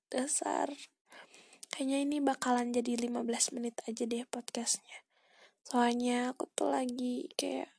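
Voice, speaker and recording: A seventeen-year-old girl hosting a casual solo podcast from home, rambling softly in a half-whisper with lots of fillers. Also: fairly high pitch, creaky, breathy edge, no echo. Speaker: podcast host.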